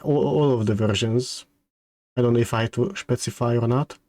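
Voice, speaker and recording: A man streamer chatting casually on a livestream, halting and hesitant, often repeating his words. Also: mid-range voice, fairly even intonation, darkish tone, no echo. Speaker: streamer hosting a debut stream.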